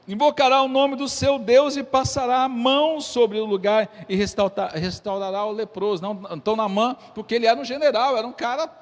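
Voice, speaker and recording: A man with a Brazilian Portuguese accent preaches from the pulpit, his voice pitched high. He reads scripture, checks in with the congregation, and retells the story in vivid voices. A long church reverb trails each phrase. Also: fairly quick, hardly any pauses. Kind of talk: sermon with scripture reading. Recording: echoey church hall.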